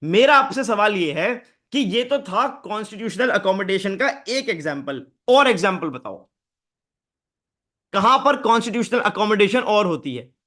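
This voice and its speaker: High-voiced man teaching casually. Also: big pitch swings, normal speed, pushed and bright. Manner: conversational Hinglish teaching, asks students questions. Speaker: exam prep teacher. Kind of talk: live online lecture.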